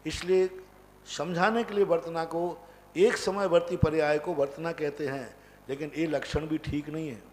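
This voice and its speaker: A man, a Jain monk from India, teaching a scripture class, explaining step by step with rhetorical questions and chanting sutra lines slowly. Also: fairly high pitch, fairly even intonation, darkish tone, in a large hall, slight background noise.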